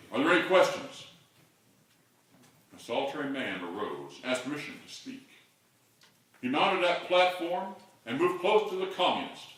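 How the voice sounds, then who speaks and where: Older male pastor in a big echoing church. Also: on the high side. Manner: builds to loud call-and-response shouts. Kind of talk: sermon. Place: large church sanctuary. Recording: echoey hall from far off.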